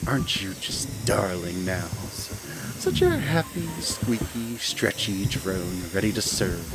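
In a hobby audio play, a man with a fairly low voice plays a smug male hyena mad scientist, speaking slowly and very animatedly in a heavily acted, silky, condescending, theatrical style full of chuckles. Gloating, the villain narrates straight to the listener over background music, with heavy background noise throughout.

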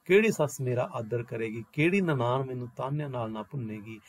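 A man's voice: mid-range voice, brisk, slightly rough. A man reading aloud as a frightened young woman, pleading and full of despair.

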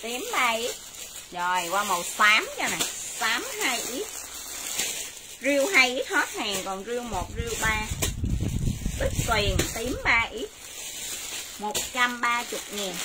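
A woman hosts a live clothing sale and rattles off sizes and prices in brisk, repetitive bursts. Her voice sits a little high. Steady noise runs under the recording. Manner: brisk, repeats sizes and prices, addresses viewers. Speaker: livestream clothing seller. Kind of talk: live sales stream. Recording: noisy livestream audio.

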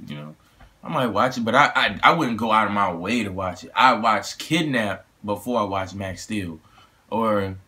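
A man's voice: lowish voice, pushed and bright. Young male reaction host, loose slangy chatter, lots of fillers. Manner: rambling and slangy, with frequent fillers and restarts. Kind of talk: casual trailer reaction chat.

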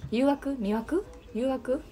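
A woman's voice: sits high, takes it slowly, warm tone. A young woman with a Kansai Japanese accent hosting a casual livestream, chatting and answering viewer comments. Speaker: livestream host.

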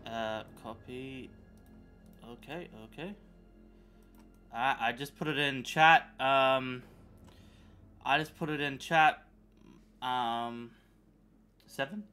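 Bright-voiced excitable male streamer. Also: mid-range voice, slow, long pauses, faint music behind. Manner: excitable, profane, bantering with chat. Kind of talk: casual live-stream chat while gaming.

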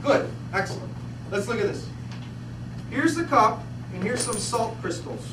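Lively male teacher in echoey classroom. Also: high-pitched, unhurried. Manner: lively, questioning, repeats words. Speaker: physics teacher. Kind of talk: classroom demonstration. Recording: echoey classroom, distant mic, background noise.

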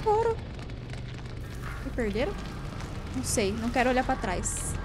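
A woman's voice: high-pitched, very animated, a little slow, over loud music. A young Brazilian woman, a scared and tense horror game streamer, exclaiming as she comments live on her play. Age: young adult. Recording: noisy, game sounds behind the voice. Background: horror game ambience.

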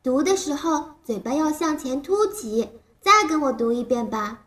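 A woman's voice: high-pitched, animated, moderate pace, a bit bright. A woman voicing a cheerful, child-like little cartoon creature who teaches phonics, talking simply and encouragingly as if reading to a toddler. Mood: playful, teaching. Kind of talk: animated lesson for small children.

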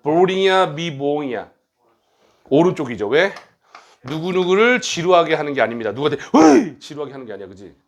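Very animated and on the high side, a middle-aged man who heads an academy lectures on grammar with brisk bluntness, teasing the students and firing off quick questions as he goes.

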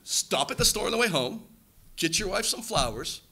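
Firm, quiet male mentor, as a preacher acts him out, high bright voice. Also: sing-song, moderate pace, gravelly, husky, exaggerated voice.

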